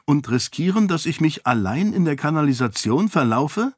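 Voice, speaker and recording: A man's voice: a little high, sing-song, moderate pace, darkish tone, slightly rough, dry recording, pitched above the performer's own voice. A man voicing a headstrong young noblewoman in an audiobook, insistent and determined. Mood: impatient. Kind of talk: audiobook character voice.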